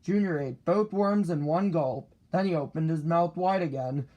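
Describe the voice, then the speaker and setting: A man reading a children's picture book aloud, deliberate and expressive. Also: on the high side, dull audio. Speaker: storybook reader.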